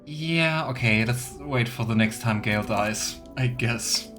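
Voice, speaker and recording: A man with a mid-range voice speaks at a measured pace while hosting a video game let's play. Over soft game music, he comments on the action and reads the game's text aloud.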